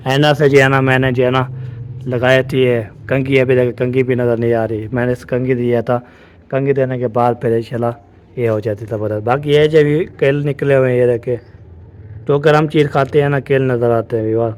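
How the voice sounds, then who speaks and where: Holding his phone while walking through hot village fields, a man casually vlogs for his family, rambling and repeating filler phrases. His mid-range voice is steady, at normal speed, a little mellow, with a clear, resonant tone.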